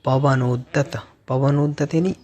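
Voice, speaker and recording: A man who recites sacred verses slowly and then explains them word by word, as a religious teacher giving a lesson. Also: mid-range voice, fairly even intonation, a little mellow.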